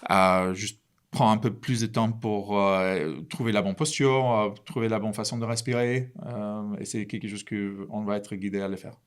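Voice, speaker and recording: A man with a low, smooth and resonant voice speaks as a podcast guest in a language that is not his first. He explains slowly and haltingly, with many fillers. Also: fairly even intonation. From Ireland, raised in Spain. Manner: hesitant, halting. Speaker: entrepreneur guest. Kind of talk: casual interview.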